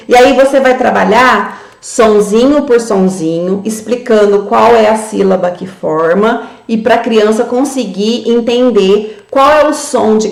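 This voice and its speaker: A woman with a Brazilian Portuguese accent, training teachers in a tutorial and sounding out words slowly syllable by syllable. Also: on the high side, gravelly, darkish tone, roomy sound. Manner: slow, syllable-by-syllable demonstration for young children.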